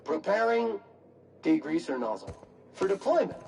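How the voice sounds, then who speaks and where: A man voicing a dutiful male cleaning robot with a computer-processing voice, reading out scans and calculations in flat machine readouts. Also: high-pitched, unhurried, gravelly, full character voice. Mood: computing. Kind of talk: video game voice acting. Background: game music.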